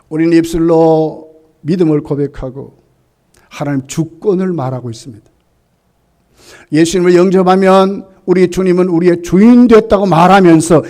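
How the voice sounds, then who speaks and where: Male pastor, high voice, emphatic sermon delivery with rising rhetorical questions. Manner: emphatic preaching, rising to loud peaks on repeated questions.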